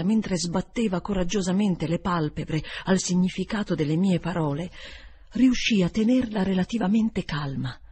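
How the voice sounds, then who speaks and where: A woman narrating a literary novel for an audiobook in a measured, expressive reading style. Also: lowish voice, husky. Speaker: audiobook reader.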